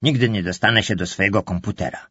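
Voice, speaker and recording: A man's voice: on the low side, quick pace, pushed and bright, slightly rough, no room sound, lo-fi sound. A man voicing a practical middle-aged mother who keeps saying no, in a storybook reading.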